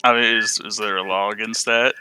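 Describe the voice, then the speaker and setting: Male game player: casual banter, very sharp, clear tone. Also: lowish voice, steady tone, a little fast, faint music behind.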